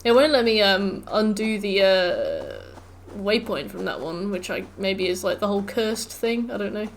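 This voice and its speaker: A woman's voice: medium pitch, sing-song, unhurried. A British woman giving casual, chatty gameplay commentary, joking and reacting as she plays. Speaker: game streamer. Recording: background noise, game ambience. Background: video game sound.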